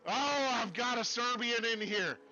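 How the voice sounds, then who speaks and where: A man commentating a sim race in a put-on Texas accent, folksy and excitable. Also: extremely high pitch, measured pace, dull audio.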